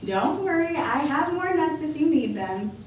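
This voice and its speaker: Pitched above her natural range, a woman's high, very animated voice at a moderate pace plays a warm, cheerful grandmother with affectionate teasing. The echoey room, distant mic and faint noise shape the recording.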